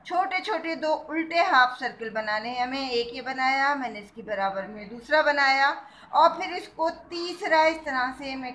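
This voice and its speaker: A woman's voice: sits high, a bit bright. A woman teacher, patiently explaining a kindergarten writing lesson, spelling out letters and asking questions.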